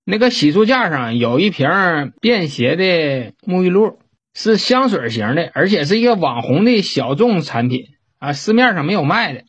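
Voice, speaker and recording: A man's voice: fairly high pitch, very animated, moderate pace, slightly rough. A man, telling a story in a folksy, casual way and swearing offhandedly.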